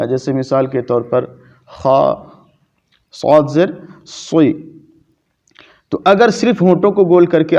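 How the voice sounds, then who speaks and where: A man's voice: fairly high pitch, mellow. A man teaching Quran pronunciation in a mosque lecture, patiently explaining and drawing out letter sounds as examples. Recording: dull lo-fi recording.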